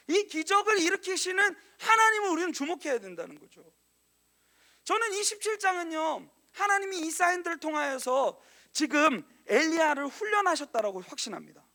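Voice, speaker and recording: A man preaching a sermon as a youth pastor. He tells the story in a conversational, animated way and speaks to the congregation directly. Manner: animated storytelling, acting out quoted lines in a hushed lower voice.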